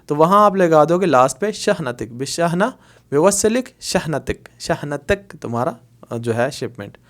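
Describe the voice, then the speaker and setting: A man with a Pakistani Urdu accent teaches everyday phrases in a relaxed, conversational way. His voice sits a little high for a man. He says each phrase slowly, repeats it, and keeps asking whether the listener is following. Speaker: Arabic language teacher. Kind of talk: casual spoken language lesson.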